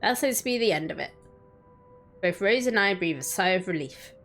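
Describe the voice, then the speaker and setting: Her voice sits on the low side, animated and at a moderate pace, as this woman streamer reads a story aloud with dramatic flair and casual chat asides. Soft background music runs under the voice.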